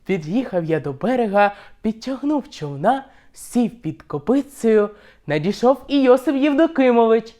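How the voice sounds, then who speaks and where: A young man reading a humorous story aloud, lively and expressive, shifting his volume for effect. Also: extremely high pitch, normal speed. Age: young adult. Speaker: student reciter.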